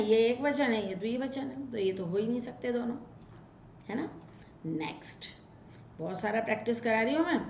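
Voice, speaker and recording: Brisk woman drilling grammar in a roomy space. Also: on the high side. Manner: brisk and drilling, reciting verb forms. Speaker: Sanskrit teacher. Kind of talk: grammar lesson to students. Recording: roomy, dull lo-fi sound with faint noise.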